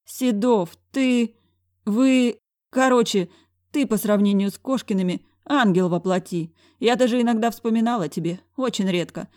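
A panicky older school director wails and pleads theatrically, as a woman reads him in a pitched-up, louder voice. The dry, close audiobook recording keeps every whimper up front. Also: moderate pace, no room sound, lightly acted. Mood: tearful pleading. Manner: theatrical, whining, exclamatory.

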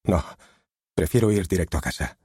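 A man's voice: deep voice, expressive, a little fast, dark tone, husky, no echo, studio quality, exaggerated voice. A man voicing an evasive, defensive husband in an audiobook, speaking curtly.

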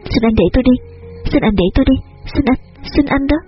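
A man's voice: very high voice, rapid-fire, dull audio, faint music behind. A man voicing a distraught pleading young woman. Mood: desperate pleading. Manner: desperate, pleading, repeating herself.

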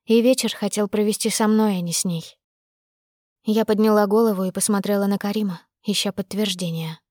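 A woman reading a first-person novel aloud as an audiobook narrator, with brisk, intimate storytelling. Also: medium pitch, fairly even intonation, darkish tone, no echo, clean studio sound.

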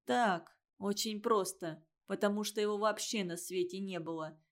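A woman's voice: mid-range voice, moderate pace, lightly acted. A woman reading a story aloud and giving a condescending schoolboy his lines in a lecturing tone. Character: know-it-all schoolboy, condescending and boastful.

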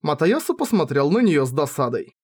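A man's voice: a little high, very animated, brisk, a little mellow, breathy edge. A man reading a novel aloud in first person, with a wry, conversational manner. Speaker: audiobook narrator.

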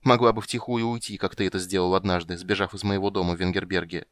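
A proud, sharp-tongued sorceress, as a man reads her out in an audiobook. Her voice sits low yet lifts with scorn, biting and haughty. The sound is dry and close. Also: steady tone, fast talker, no echo. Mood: scornful. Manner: haughty, biting, then wistful. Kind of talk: audiobook character reading.

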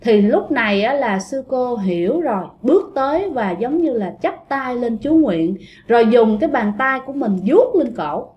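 A woman narrates a ghost story in a loose, chatty way. She talks straight to her listeners and sprinkles in fillers. Her voice sits slightly high. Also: lively intonation, normal speed, lo-fi sound.

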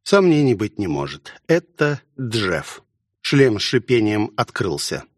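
A man's voice: lowish voice, big pitch swings, unhurried, no echo, clean studio sound. A man narrating a first-person audiobook story in an introspective, wry manner.

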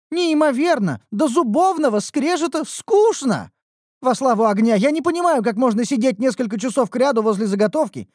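A narrator voicing an excitable young female red elf, a smith's apprentice, who complains loudly and dramatically in an audiobook. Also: no room sound, clean studio sound, natural voice. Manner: whiny and dramatic, loud high outbursts. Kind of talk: audiobook character voice.

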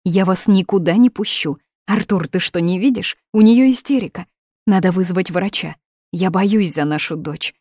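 A woman's voice: lowish voice, normal speed, a little mellow, dry recording, clean studio sound, lightly acted. A woman voicing an anxious, protective middle-aged mother who speaks in alarmed, insistent tones.

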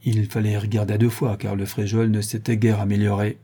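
A man reading a historical crime story aloud in a measured, steady way. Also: lowish voice, breathy edge. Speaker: audiobook narrator. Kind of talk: scripted narration of a crime story.

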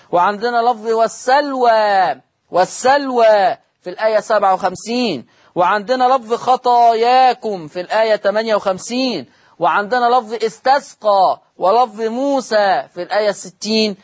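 Egyptian guy teaching a recitation class, says every rule twice or three times, asks the room then answers himself. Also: sits high. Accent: Egyptian Arabic. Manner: repeats each rule several times, slow and emphatic; asks the students questions, then answers them. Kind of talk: TV recitation lesson.

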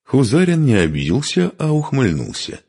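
A man reading an adventure novel aloud as narrator, in an expressive storytelling manner. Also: medium pitch, normal speed, creaky, husky. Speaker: audiobook narrator. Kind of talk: scripted narration.

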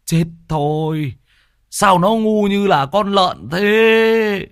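A man voicing an old male village shaman who scolds and shouts. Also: fairly low pitch, very animated, normal speed, no room sound, studio quality. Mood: panicked.

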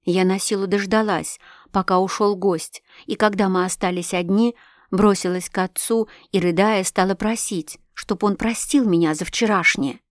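Female audiobook narrator, expressive and emotional, dry close sound. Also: medium pitch, moderate pace, dry recording. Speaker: audiobook reader. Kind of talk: scripted narration of a classic novel.

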